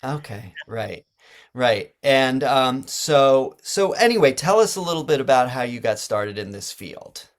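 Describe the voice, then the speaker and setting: A male host with a mid-pitched voice leads a live interview over a video call in a friendly way. Now and then he stumbles and restarts his words. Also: lively intonation, a little slow.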